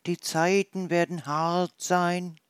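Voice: mid-range voice, steady tone, slow pace, clean tone, no room sound, lightly acted. A storyteller voicing older, wiser hedgehogs in a storybook, giving a solemn warning.

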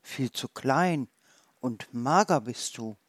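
A concerned fox from a storybook, voiced lower than the reader's normal voice and drawn out, as the narrator puts him on. He speaks slowly and with concern. The sound is dry and close. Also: animated, dry recording. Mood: worried. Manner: concerned, low. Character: worried, caring fox.

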